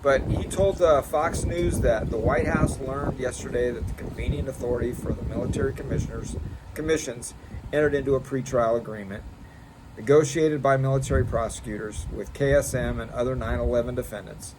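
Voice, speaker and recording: Incredulous American man co-hosting, noisy outdoor recording. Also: mid-range voice. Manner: halting, incredulous, sarcastic. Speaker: co-host of a political commentary show. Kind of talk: casual political chat. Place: outdoors in a backyard. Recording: clear background noise, outdoor backyard ambience.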